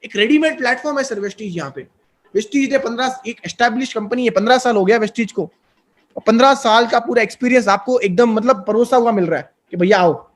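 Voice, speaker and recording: A man's voice: very high voice, fast talker. A man in his twenties, a network marketing guest, giving an earnest and persuasive motivational interview. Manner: earnest, persuasive, mixes English terms.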